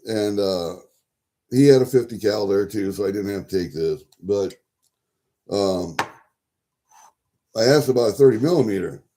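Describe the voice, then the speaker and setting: A man chatting casually to viewers as a livestream host, folksy and sweary, thinking out loud as he goes. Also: lowish voice, moderate pace, pauses often. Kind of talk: casual rambling chat to viewers.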